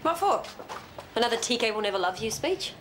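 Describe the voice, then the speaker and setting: A woman's voice: on the high side, big pitch swings, brisk. An actress playing an assertive, bristling professional woman in a TV soap. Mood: guarded. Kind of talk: television soap opera dialogue. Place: indoor clinic. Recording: noisy ambient TV soundtrack.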